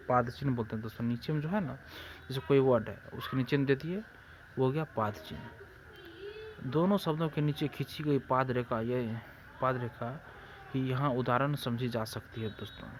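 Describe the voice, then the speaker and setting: Guy teaching hindi grammar, bihari accent, keeps asking then answering himself, bit of hiss behind. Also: medium pitch. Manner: repetitive, asks and answers own questions, keeps addressing friends. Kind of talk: exam-prep grammar lesson.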